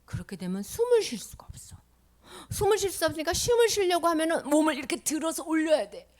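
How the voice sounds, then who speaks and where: A woman telling a Bible story to children in an animated way, often dropping to a whisper. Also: sits high, fast. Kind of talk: children's sermon.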